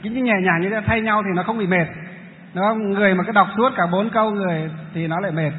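High-voiced monk in an echoey hall. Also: male voice, fast. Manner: explains patiently, breaks into chanting demonstrations. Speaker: Buddhist monk teacher. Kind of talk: dharma talk with questions from the audience. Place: large lecture hall. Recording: tinny, echoey hall recording.

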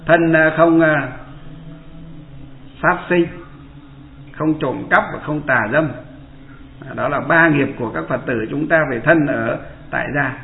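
A man's voice: fairly high pitch, unhurried, creaky, long pauses, slight background noise. A man, a Buddhist monk giving a dharma talk and asking his listeners rhetorical questions. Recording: echoey room over a tinny line.

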